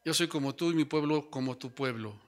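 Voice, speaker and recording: A man's voice: a little high, a little fast, lightly acted. A man reading out King Jehoshaphat's words as an earnest older king claiming kinship. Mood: pleading.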